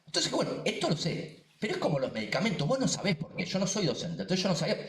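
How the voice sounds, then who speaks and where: Speaking in a high voice that echoes around the lecture room, a Rioplatense-accented man delivers a seminar talk. A neuroscientist who also communicates science, he talks fast and emphatically, animated throughout and given to asides and repeating himself.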